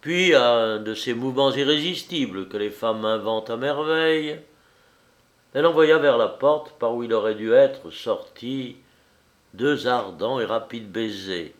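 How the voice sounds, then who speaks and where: A man narrating a classic novel in a measured, expressive storytelling voice. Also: mid-range voice. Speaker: audiobook narrator. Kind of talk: literary reading of a classic novel.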